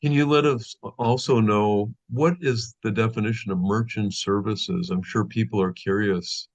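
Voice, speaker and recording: A man's voice: lowish voice, fairly even intonation, moderate pace. A man hosting a casual interview show, upbeat and effusive with praise for his guest. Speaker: show host.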